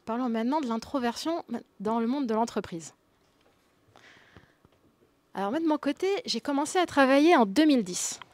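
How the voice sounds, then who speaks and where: A woman's voice: a little high, lively intonation, normal speed, pauses often, a little mellow. A woman in her thirties giving a conference talk, conversational, with quips and laughs for the audience. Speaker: conference speaker.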